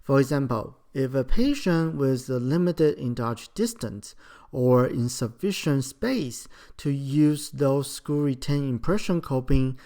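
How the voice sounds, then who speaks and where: A dental school lecturer explaining implant techniques in a measured, explanatory way, with slightly non-native phrasing. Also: mid-range voice, dark tone. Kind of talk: recorded lecture.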